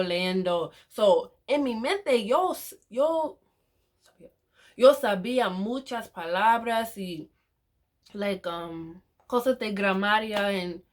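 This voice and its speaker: English-native woman, casual vlog in learner Spanish, unhurried, mid-pitched, hesitant with frequent self-corrections. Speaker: vlogger.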